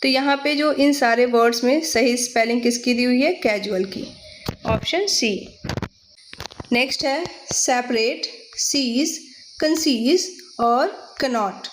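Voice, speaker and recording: A woman's voice: on the high side, slow, a little hiss or hum. A woman with an Indian accent teaching English spellings for exams, spelling words out letter by letter and checking with "theek hai". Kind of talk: exam-prep vocabulary lesson.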